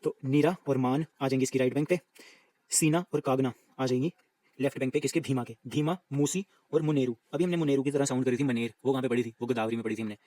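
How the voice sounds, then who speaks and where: A man runs through an exam-prep lesson at a quick clip, reciting lists over and over. His voice is mellow and unforced, with a middling pitch. The sound is close and dry, with no room echo. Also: steady tone. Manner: brisk, repetitive recitation of lists. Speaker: teacher.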